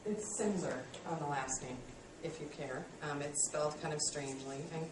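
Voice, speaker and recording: A woman in her late thirties, a college instructor, gives a classroom lecture in a low voice at a moderate pace. She's friendly and self-deprecating, with lots of ums. The recording comes from far off in an echoey classroom, with a noisy background.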